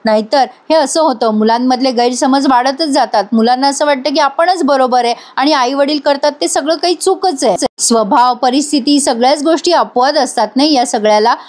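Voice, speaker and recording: Woman reviewer, high voice, chatty voice-over recap addressing viewers. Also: a little fast, few pauses. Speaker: TV episode reviewer.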